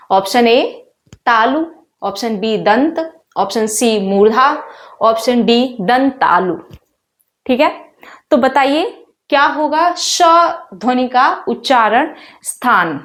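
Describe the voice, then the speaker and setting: A woman teacher with a high voice walks through exam questions at an unhurried pace. She keeps quizzing her students and says each sound out loud, drilling it. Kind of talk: exam-prep lesson.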